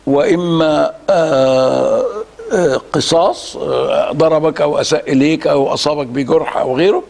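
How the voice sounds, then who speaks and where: A man with an Egyptian accent, a religious scholar reading and commenting on a classical text in a measured, deliberate lecture with frequent drawn-out pauses. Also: on the high side, steady tone, creaky, a little mellow. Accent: Egyptian Arabic.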